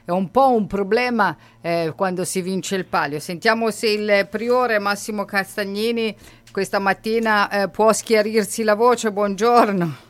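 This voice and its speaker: Woman radio host, lively questions, lots of little ehs, middle pitch. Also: a little slow. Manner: lively questions with filler hesitations. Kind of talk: radio interview.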